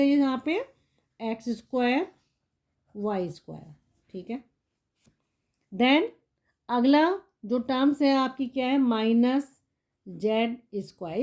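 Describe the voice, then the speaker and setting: Woman teaching maths, mellow and warm. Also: a little high. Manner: explains step by step, keeps asking the student rhetorical questions; repeats "theek hai" to check understanding. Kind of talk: classroom maths lesson.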